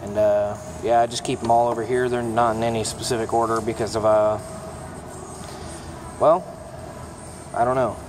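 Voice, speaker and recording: Holding his phone to film first-person, a young man shows off his toolbox in a relaxed vlog from inside an auto repair shop. He chats plainly about his gear at a moderate pace, pausing often and filling gaps with lots of ums and uhs, in a middle-pitched voice. Air conditioning hum and passing traffic sit clearly in the background.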